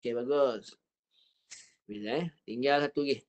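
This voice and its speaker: A man with a Malaysian Malay accent teaching Quran recitation online, patiently coaching a student and slowly demonstrating each sound. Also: medium pitch. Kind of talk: online Quran reading lesson.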